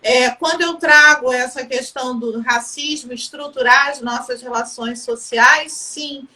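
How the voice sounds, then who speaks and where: A woman professor with a Brazilian Portuguese accent, speaking in a measured, academic way during a live online discussion, often adding "né?". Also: high-pitched, fairly even intonation, bright, forceful tone, far from the mic, poor audio. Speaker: guest professor.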